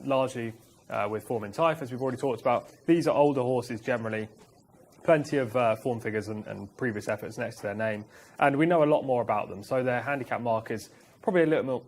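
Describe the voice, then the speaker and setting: Fast-talking man breaking down race form. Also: medium pitch. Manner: quick, confident form analysis. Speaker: studio racing analyst. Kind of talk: live racing broadcast analysis. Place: TV studio.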